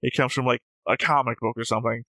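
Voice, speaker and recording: A man hosts a reaction show at a fast pace, reading viewer comments in casual discussion. His medium-pitched voice has a sharp tone and fairly even intonation, and he argues, rambles, and often corrects himself. No echo is present.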